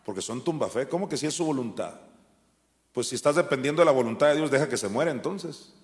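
A man preaching a sermon, swinging from shouted commands down to quiet, low asides. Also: expressive, quick pace. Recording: long hall reverb.

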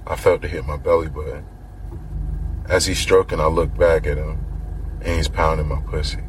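A man's voice: a bass voice, little pitch movement, moderate pace, slight background noise, rough recording. A man hosting a podcast, telling a first-person story in a casual, slangy, conversational way and acting out quoted lines in his own voice. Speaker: podcast host.

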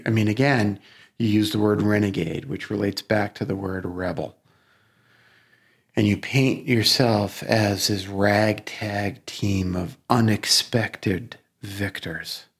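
A man with a Brooklyn accent hosting a reflective coaching conversation, speaking deliberately, probing and repeating words for emphasis. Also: on the low side, fairly bright tone. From Brooklyn, New York. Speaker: podcast host and coach.

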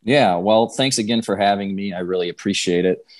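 A man from Western Wisconsin, a candidate for office, calmly answering interview questions. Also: on the low side, brisk, dry recording. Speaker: political candidate guest.

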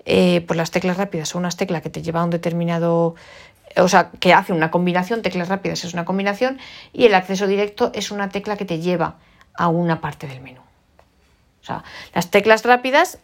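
Chatty woman from Spain, gravelly. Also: lowish voice, a little fast. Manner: chatty, repeats and explains menu items. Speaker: tutorial presenter. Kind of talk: casual spoken walkthrough.

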